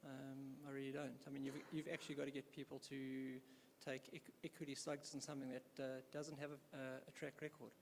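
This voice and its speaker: A man's voice: medium pitch, flat delivery, a little fast, slight background noise. A man from KwaZulu-Natal, a hospital developer in a conference audience, speaking hesitantly with many fillers and restarts. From South Africa, KwaZulu-Natal. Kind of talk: audience question at panel. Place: conference hall. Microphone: handheld audience microphone. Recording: hall reverb, faint ambience.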